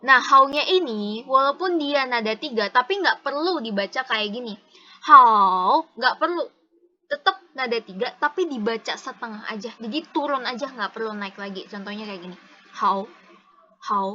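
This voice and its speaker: A woman with a high, clear, bright voice gives a casual one-on-one lesson, walking through each point patiently and repeating examples. She is heard over a video call. The sound is a little muffled and lo-fi. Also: animated, moderate pace. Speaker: Mandarin tutor.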